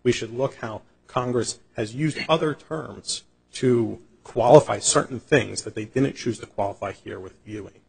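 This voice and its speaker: A male attorney making a formal, measured oral argument in a courtroom. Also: medium pitch, gravelly, darkish tone, breathy edge, low-quality recording. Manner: formal and measured, repeatedly says "Your Honor". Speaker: attorney arguing before an appeals court.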